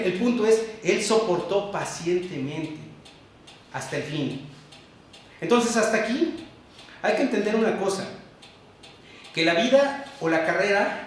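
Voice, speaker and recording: Male pastor preaching, high-ish voice, super echoey hall, mic far away. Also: slight background noise. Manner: emphatic preaching with sudden drops to a low hush. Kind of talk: sermon. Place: church sanctuary.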